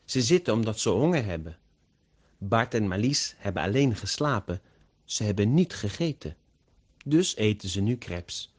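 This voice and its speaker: A man narrating a story slowly and carefully, as an audiobook for language learners. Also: fairly low pitch, very animated. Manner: slow, carefully pronounced.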